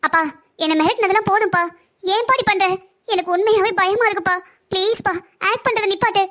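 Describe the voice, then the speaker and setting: Figure: young wife and daughter, cartoon voiced by a woman. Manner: pleading, tearful, desperate. Pitch: very high. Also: fast talker, fairly bright tone. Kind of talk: cartoon story voice acting.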